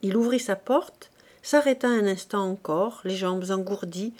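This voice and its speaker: This is an audiobook reader, a woman whose voice sits in the middle range. She reads from a classic novel at a measured pace, with plenty of expression.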